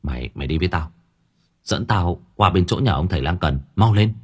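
A man's voice: deep voice, animated, brisk, a little mellow, breathy edge, voice pushed down. A man voicing a desperate young son who stammers and pleads. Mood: anxious.

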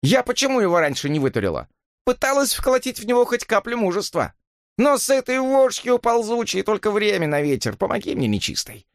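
A man's voice: high voice, sing-song, a little fast, dry recording, studio quality, voice pushed up. A man voicing a coarse, furious older landlady who shrieks insults in an audiobook reading. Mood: shrieking fury. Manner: shrieking, scolding, crude insults.

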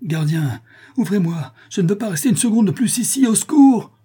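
A man's voice: animated, normal speed, dark tone, husky. A man voicing a frightened, pompous male bailiff in an audiobook reading. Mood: panicked. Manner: shrill panicked cries.

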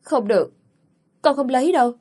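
Storybook: woman reading a proud, sorrowful girl of eighteen, husky and pleading. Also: high voice, a little fast, darkish tone, voice pushed up.

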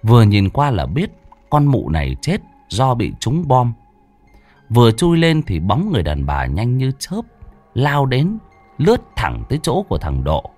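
A man's voice: mid-range voice, huge pitch swings, unhurried, a little mellow, faint music behind. A man narrating a horror story in a dramatic, vivid storytelling manner.

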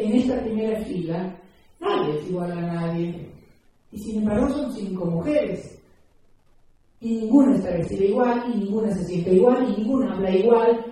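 Woman, mellow voice, emphatic speaker at a talk, miked from afar. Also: medium pitch. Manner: earnest, emphatic, explains with examples and rhetorical questions. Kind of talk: public talk to an audience. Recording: echoey room, distant mic.

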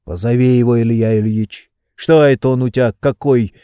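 A man voicing a loud, coarse, pushy middle-aged man who blusters and makes demands, in an audiobook reading. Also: mid-range voice, steady tone, normal speed, clear, resonant tone, no room sound, clean studio sound, lightly acted. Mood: bullying.

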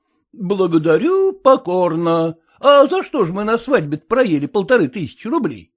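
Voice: mid-range voice, very animated, moderate pace, pitched below the performer's own voice. Reader doing a coarse, pushy young husband. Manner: folksy old-fashioned speech, coaxing and nagging. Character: newly married merchant husband, pushy and coarse.

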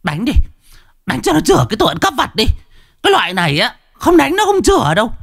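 Brief: male storyteller playing a shrill, harsh village woman, scolding at a high pitch. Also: huge pitch swings, fast talker, gravelly, a bit bright, heavily acted. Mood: shrill fury.

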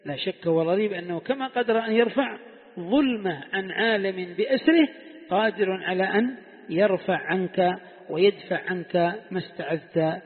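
A man's voice: high voice, normal speed. A man teaching a religious text in a classroom lesson, explaining step by step and posing rhetorical questions to his students. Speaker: sheikh teaching Quran commentary. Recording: tinny phone-like sound in an echoey hall.

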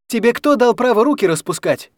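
A sharp, protective young sister in an audiobook, voiced by a man. She speaks firmly, pitched well above the reader's own voice. Her lines come out loud and pointed. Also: lively intonation, brisk, no room sound, clean studio sound. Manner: sharp, firm.

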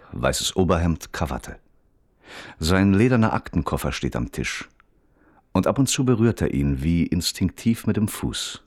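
A male radio drama narrator with a low-pitched voice sounds detached and observant. His wording is precise and dry, and his intonation varies.

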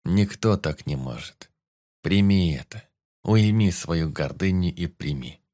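Man voicing a calm wise celestial man, slow soothing delivery, deep voice, audiobook. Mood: gentle consoling. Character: gentle wise male celestial being.

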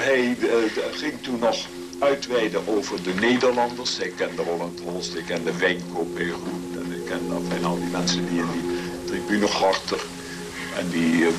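Man on old worn tape, low voice. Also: flat delivery, music in the background, poor audio. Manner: conversational, unhurried storytelling. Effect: old worn 1957 tape recording. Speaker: lecturer. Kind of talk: recalling memories in a lecture.

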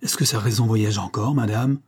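A brusque, hearty older clergyman from a storybook, as a man reads him. He talks briskly in a dark, slightly husky voice. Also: fairly low pitch.

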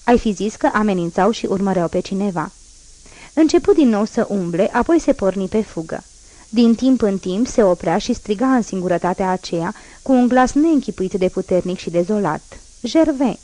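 A woman's voice: mid-range voice, expressive, warm tone, no room sound, poor audio. Woman narrating a classic novel solemnly. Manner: measured, solemn reading. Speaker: audiobook narrator. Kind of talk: scripted literary narration.

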